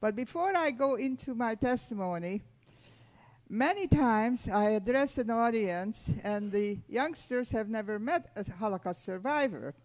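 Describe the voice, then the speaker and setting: A woman in her eighties from Hungary, speaking, gives a measured, deliberate testimony talk to a school audience. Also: on the high side, expressive, darkish tone. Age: 80s. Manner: measured, deliberate, addressing children directly. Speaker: Holocaust survivor speaking to students.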